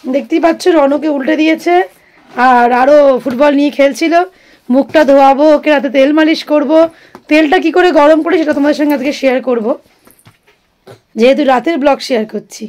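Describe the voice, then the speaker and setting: A high-pitched woman talks through her evening at home for a family vlog. She is chatty and explains each step to her viewers as she goes. The recording is a plain, clean home recording. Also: brisk, darkish tone. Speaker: vlogger and mother. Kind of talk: casual family vlog chat. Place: home, indoors.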